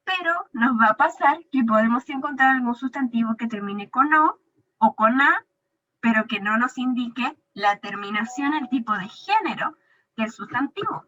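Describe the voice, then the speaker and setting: A woman with a bright, slightly high voice walks a child through a grammar lesson. She is patient and stretches each example word slowly. The sound is dull and lo-fi. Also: lively intonation. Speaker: teacher. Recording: dull lo-fi recording.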